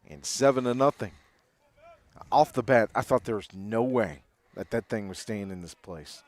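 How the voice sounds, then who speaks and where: A man's voice: on the low side, moderate pace. A man doing live baseball play-by-play, with a home run call style that stretches out on big hits.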